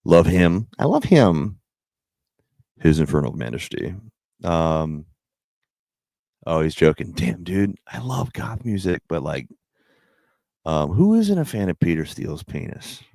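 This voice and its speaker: A man's voice: rumbling low, very animated, measured pace, gravelly, long pauses, warm tone, no echo, clean studio sound. A man chatting casually as a livestream host, in a rambling, slangy way with some swearing.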